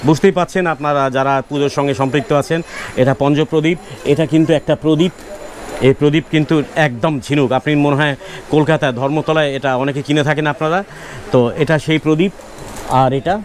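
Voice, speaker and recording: A man hosting a walking street vlog in an outdoor city market, chatting with shopkeepers and speaking straight to his viewers in a lively way. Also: a little high, moderate pace, slight background noise. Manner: lively, keeps addressing the audience directly. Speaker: street vlogger host.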